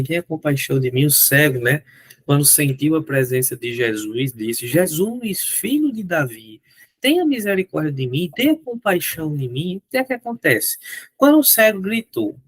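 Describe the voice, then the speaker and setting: Lively Brazilian male teacher. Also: on the high side, slightly rough, no room sound. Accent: Brazilian Portuguese. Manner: animated, asks questions and answers them himself. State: strained throat. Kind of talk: online grammar lesson.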